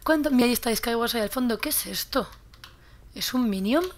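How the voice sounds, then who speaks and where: A woman's voice: a little high, fairly quick, a little hiss or hum. A young woman from Spain with a Spanish accent, chatting casually while playing a game and often repeating words as she loots. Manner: chatty, repeats words while looting, swears when surprised. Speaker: gaming youtuber. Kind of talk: casual gameplay commentary.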